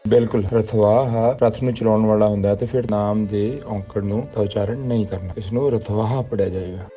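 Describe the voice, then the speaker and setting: A man teaching Gurbani grammar patiently in a dialogue lesson, with a gravelly voice. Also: on the low side, steady tone, fairly quick, mellow, faint music behind.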